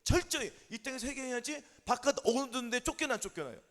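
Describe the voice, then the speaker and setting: A man preaching an emphatic sermon as pastor, drilling his listeners with quick yes-or-no questions and calls of amen. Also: extremely high pitch, long reverb tail.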